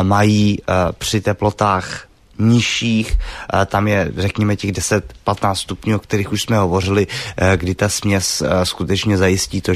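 Expert guest, male, low voice, halting delivery full of "eh"s, dry studio sound. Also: no echo. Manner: hesitant, many filler sounds. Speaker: tire test expert guest. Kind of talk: radio call-in advice. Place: radio studio.

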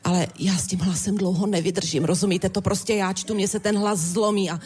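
A woman's voice: medium pitch, fairly even intonation, darkish tone, lightly acted. A woman playing a whiny hypochondriac patient who complains dramatically, in an improvised comedy sketch. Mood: complaining.

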